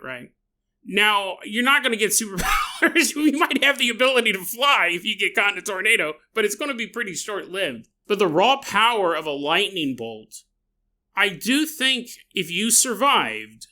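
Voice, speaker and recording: A male podcast host with a bright, sharp voice tells an odd paranormal story for comedy, joking playfully and laughing often. His pitch rises and falls, making the telling animated, and he acts out side remarks.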